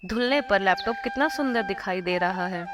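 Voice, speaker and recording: A woman's voice: medium pitch, normal speed, lightly acted. A woman voicing a naive, literal-minded young daughter-in-law in a cartoon story, asking innocent questions. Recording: cartoon voice over loud music.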